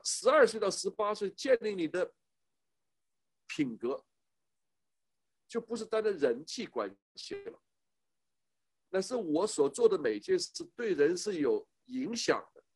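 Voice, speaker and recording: A man's voice: a little high, breathy edge. A middle-aged man giving a sermon on parenting as a church speaker, emphatic and fond of rhetorical questions to his listeners.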